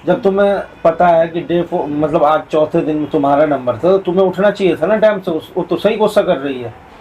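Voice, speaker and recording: Man, rather high voice, vlog host as mediator, lectures calmly; faint ambient hiss. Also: fairly quick, dull audio.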